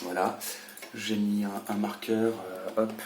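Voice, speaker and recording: A man explaining his radio hobby in a casual, hesitant vlog style, halting as he talks. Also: lowish voice, flat delivery, a little mellow, a little hiss or hum. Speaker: amateur radio hobbyist presenting.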